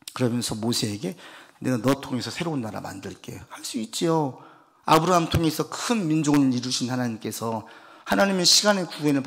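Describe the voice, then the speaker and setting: A man preaching a weekday sermon as a pastor, moving between animated, acted-out lines and a soft, quiet plea to pray. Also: medium pitch, vocal fry. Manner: animated preaching, acts out God's and parents' lines; drops to soft, quiet delivery when urging prayer. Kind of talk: Wednesday sermon, Bible exposition.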